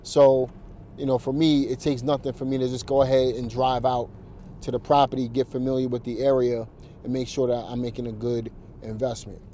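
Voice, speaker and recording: A man's voice: mid-range voice, little pitch movement, fairly quick, warm tone, slight background noise. A man, a real estate investor, chatting casually to viewers in a walk-through vlog, talking straight to the camera with lots of fillers and restarts. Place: outdoors at a house, then in a car.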